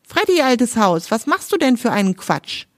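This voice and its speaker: A woman's voice: on the high side, big pitch swings, normal speed, no room sound. A woman voicing a proud, boastful male magic pony in a children's storybook, cocky and self-assured. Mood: delighted.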